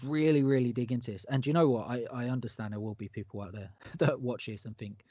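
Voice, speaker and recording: A man's voice: medium pitch, steady tone, fast talker, dark tone, no room sound, dull audio. A man co-hosting a horror podcast in casual chat, enthusiastic and emphatic, often repeating himself. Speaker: podcast co-host.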